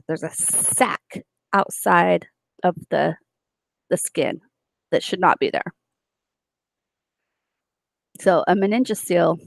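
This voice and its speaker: A woman instructor walks students through course material, pausing on fillers and correcting herself mid-word. Her voice sits low with a gravelly edge. The recording is dry and close. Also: no echo. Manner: explanatory, with frequent fillers and self-corrections. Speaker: nursing instructor. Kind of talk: recorded lecture.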